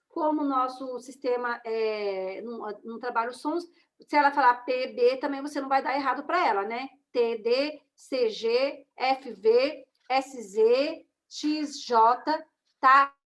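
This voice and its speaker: Brief: high-pitched Brazilian woman, casual teacher explaining a test over slides, keeps asking the class "right?". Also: fairly bright tone. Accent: Brazilian Portuguese. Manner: conversational, with frequent tag questions to the class. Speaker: teacher of a course on reading and writing assessment. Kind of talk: online lecture walking through slides.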